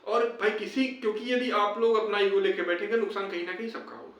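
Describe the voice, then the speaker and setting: This young host talks fast in a high, level, somewhat bright voice, updating fellow job candidates informally and pressing them to act. He repeats points frequently, and the distant mic picks up a lot of echo from the room.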